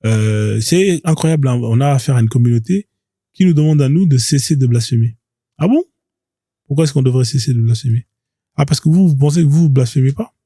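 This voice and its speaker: A man with a very dark, mellow and husky voice hosts a live stream monologue. He talks in a mocking, confrontational way and hammers the same points again and again. The sound is close and dry, with no room echo. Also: medium pitch, fairly quick.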